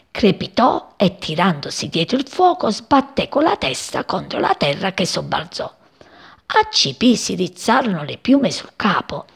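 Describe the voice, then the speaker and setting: A woman reading a children's story aloud, expressive and voicing many characters. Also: medium pitch, creaky, husky.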